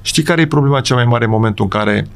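A middle-aged man with a gravelly, creaky voice, speaking as a guest on a casual interview podcast. He talks emphatically and at length, restarting sentences and tossing in quick checks that the listener follows. His pitch sits in an ordinary middle range for a man. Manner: emphatic, rambling, frequent restarts and "știi?" check-ins. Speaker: football coach and guest. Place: studio.

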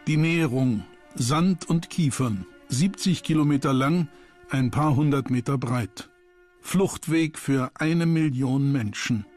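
A man narrates a history documentary at a slow pace over clear background music. His delivery is sober, grave and measured, with a mid-range pitch. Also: a little mellow.

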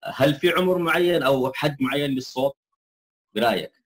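A man's voice: mid-range voice, fairly quick. A man interviewing a guest in an open conversation, polite and questioning. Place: neighborhood community hall.

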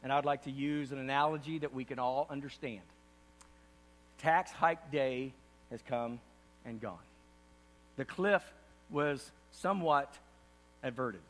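This time the middle-aged pastor speaks at a measured pace in a mid-range voice, pausing often during his earnest state-of-the-church address from the podium of a large auditorium stage, then rising to impassioned emphasis. The hall sounds distant and reverberant, with a faint hum.

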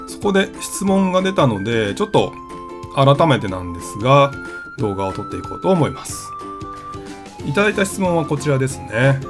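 A man hosting his travel vlog, explaining things in a casual, conversational way with plenty of fillers. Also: mid-range voice. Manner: chatty, conversational with frequent fillers.

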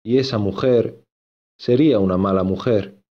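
A man doing a bashful young maid in an old storybook, soft and pleading, her lines heard low and muffled through a dull, lo-fi recording. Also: normal speed, close to an everyday voice. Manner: hesitant, pleading. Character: shy young maid, blushing and tearful.

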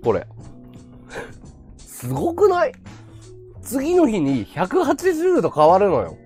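Brief: chatty male streamer, pitch leaping all over, faint music in the background. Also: slow. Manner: chatty, animated, laughs a lot. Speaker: livestream host. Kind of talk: casual chat to viewers.

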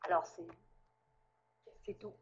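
A woman's voice: slow pace, a little mellow, muffled recording. A woman with a strong Lac-Saint-Jean Québécois accent, a French teacher, chatting as she introduces herself on a video call. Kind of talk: self-introduction in a meeting.

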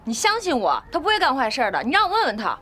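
A woman's voice: high voice, huge pitch swings, fast talker, sharp tone, full character voice. An actress playing a blunt, fiery young village woman, speaking in an outspoken, insistent way. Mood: pleading, demanding.

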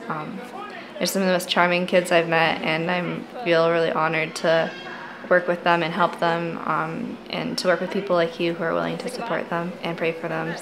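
American woman in her twenties, relaxed. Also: lowish voice, background noise. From United States. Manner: relaxed, with frequent ums. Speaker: charity kids coordinator. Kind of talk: casual explanatory talk.

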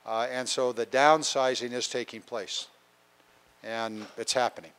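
A man's voice: mid-range voice, steady tone, measured pace, a bit bright, clear, resonant tone. Older man at a town hall mic. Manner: plainspoken, exasperated, many uh fillers. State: getting a cold. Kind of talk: public town hall talk. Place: large council chamber with an audience. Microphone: handheld mic.

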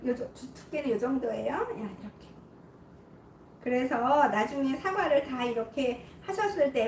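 A woman's voice: sits high, slight background noise. A woman hosting a home cooking demonstration in a kitchen, chatty and often checking that viewers can see. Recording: echoey room, distant mic.

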